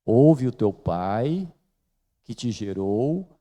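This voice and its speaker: Slow, dark-voiced Brazilian preacher man. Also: mid-range voice, sing-song. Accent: Brazilian Portuguese. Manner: slow, emphatic preaching with repeated phrases and swings in loudness. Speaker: pastor. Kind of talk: sermon. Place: church.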